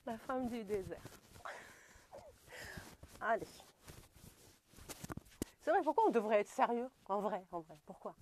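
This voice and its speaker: A woman's voice: mid-range voice, lively intonation, a little slow, pauses often, a little mellow, a little hiss or hum. A young woman leading a goofy yoga class in French, rambling with slangy asides and frequent giggles. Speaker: yoga teacher. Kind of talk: playful self-mocking yoga class.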